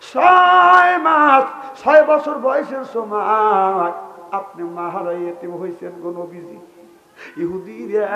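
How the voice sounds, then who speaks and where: A man preaching a sermon at a religious gathering, telling a story in a chanting way that swells into shouts. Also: sits high. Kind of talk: Islamic waz sermon storytelling. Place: open-air religious gathering. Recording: echoey PA sound with faint music.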